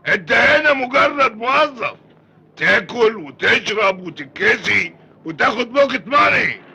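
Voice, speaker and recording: An actor with an Egyptian accent playing a greedy, scornful money collector for a beggar gang, with a raspy voice. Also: male voice, extremely high pitch, lively intonation, unhurried, bright, forceful tone, heavily acted, rough recording.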